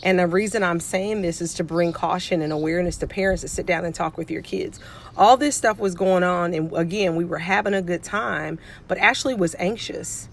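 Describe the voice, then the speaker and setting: The clip has a slight hiss or hum behind a lowish female voice at normal speed. She's a middle-aged pediatric nurse and life coach, casually recounting a story to camera and acting out other people's lines in a chatty manner.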